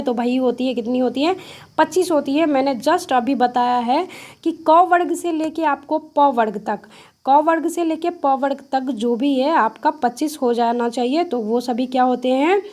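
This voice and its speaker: High-voiced woman teaching a grammar lesson. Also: a little mellow. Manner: asks questions and answers them herself, repeats key points; mixes English words into explanations. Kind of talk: exam-prep grammar lesson.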